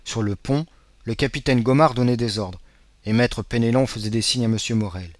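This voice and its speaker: A man narrating a classic novel as an audiobook, in a measured, dramatic reading. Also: mid-range voice.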